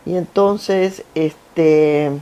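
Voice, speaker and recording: Speaking extremely slowly in a low voice, an older woman with a Guayaquil coastal Ecuadorian accent recounts her work during an interview on a theater stage. She is the founder of a foundation and the guest, and she tells lively anecdotes, repeating items as she lists them in a conversational, story-driven exchange.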